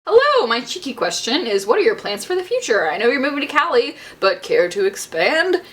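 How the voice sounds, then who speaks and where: A woman's voice: high-pitched, sing-song, fairly quick, fairly bright tone, slight background noise. A young adult woman, a beauty vlogger, answering viewer questions in a bubbly, chatty and playful way. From Southern US. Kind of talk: casual Q&A vlog.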